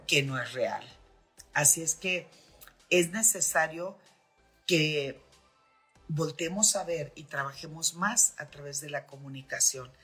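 Middle-aged Mexican woman host, frank and chatty, husky timbre, low pitch. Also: a bit bright. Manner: frank, chatty, with many fillers. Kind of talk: podcast advice talk.

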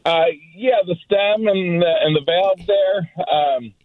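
A man on a radio call-in line, his voice coming through thin and tinny like a phone. He talks a little higher than most men and sounds dry and close, hesitating with fillers as he lays out his problem. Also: takes it slowly, dry recording. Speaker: radio show caller. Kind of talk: call-in question.

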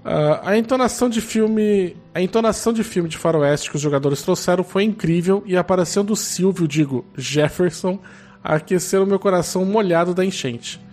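A man's voice: high-pitched, fairly quick, darkish tone, faint music behind. A man with a Brazilian Portuguese accent, co-hosting a podcast, laughing often and reading listener comments aloud. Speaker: podcast co-host. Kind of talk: casual podcast chat.

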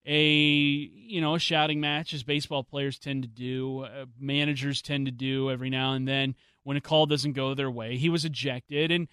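A man hosting a sports talk show, giving his opinions in animated, casual chat on a studio mic. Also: medium pitch, normal speed, hardly any pauses, clean tone, no room sound. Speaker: sports radio host.

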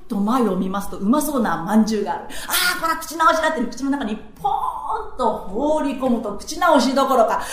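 Lively theatrical female storyteller. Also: fairly high pitch, normal speed, few pauses, reverberant. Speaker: comic storyteller. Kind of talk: comic storytelling.

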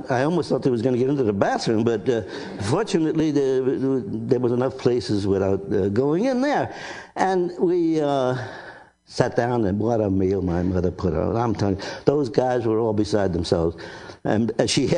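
A man in his nineties, an old war veteran remembering and telling his story, halting and repeating phrases as he goes. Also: fairly low pitch, warm tone. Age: 90s. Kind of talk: oral-history storytelling.

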